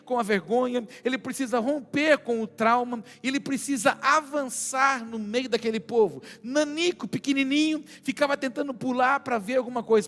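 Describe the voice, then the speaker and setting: Man, pastor, Brazilian Portuguese accent, very high voice, preaching sermon, echoing church hall. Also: fairly bright tone. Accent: Brazilian Portuguese, São Paulo interior. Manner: storytelling, acts out voices in anecdotes. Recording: long church hall reverb.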